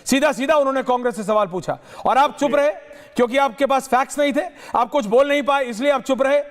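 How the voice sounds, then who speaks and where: A woman anchoring a heated TV debate, forceful and combative, dropping English phrases into her talk. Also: high-pitched, quick pace.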